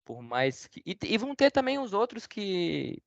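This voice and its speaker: A man's voice: sits high, very animated, measured pace, gravelly, dry recording. Guest speaker, Brazilian man, rambles hesitantly; dull, dry video-call sound. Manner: hesitant, rambling, many fillers and restarts. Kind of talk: casual online talk with Q&A.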